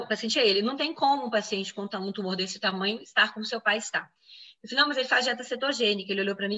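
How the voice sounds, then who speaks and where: Fast-talking bright woman doctor. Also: fairly high pitch. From Brazil. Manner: explanatory, quoting others in lively reenactment. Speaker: physician interviewee. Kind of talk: interview answers, personal medical account.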